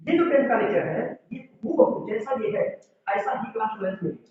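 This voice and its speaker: High-voiced physics teacher. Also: male voice, animated, fairly quick. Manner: explains step by step, checks with students. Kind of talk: classroom lecture. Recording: echoey room, far from the mic, dull sound.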